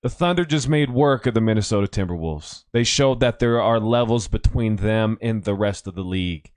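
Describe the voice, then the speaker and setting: A man hosting a casual sports podcast, his voice a bit strained from yelling, rambling and correcting himself as he talks. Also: on the low side, moderate pace, no room sound, studio quality. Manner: rambling, self-correcting, conversational. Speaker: podcast host; youth coach.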